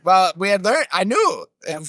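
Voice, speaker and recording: A man's voice: sits high, sing-song, normal speed, a bit bright, no echo. A man who is a touring musician, telling stories in a laid-back, rambling way with casual swearing. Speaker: guest musician. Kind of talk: casual storytelling.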